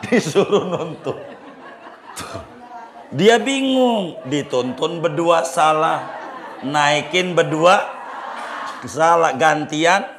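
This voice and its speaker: A man's voice: a little high, expressive, drawn-out words, creaky, pauses often, echoey room, background noise. A man preaching a humorous sermon with a Betawi Jakarta accent, telling a folk story, acting out villagers' voices and laughing often. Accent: Betawi Jakarta colloquial. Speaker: Islamic preacher.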